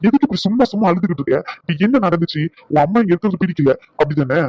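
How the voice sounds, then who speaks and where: A man's voice: high-pitched, lively intonation, racing, no echo. An actor playing a short-tempered husband who scolds his wife with bitter sarcasm, in a dull lo-fi recording. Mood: scolding. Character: angry proud husband, adult man, short-tempered. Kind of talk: Tamil family drama acting.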